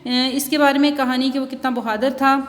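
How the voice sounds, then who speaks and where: A woman teacher giving a recorded school lesson, explaining punctuation and reading a story aloud at a slow, careful pace. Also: high-pitched, level tone, long reverb tail. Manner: reads textbook examples and a story aloud, explaining slowly. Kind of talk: online Urdu class lecture.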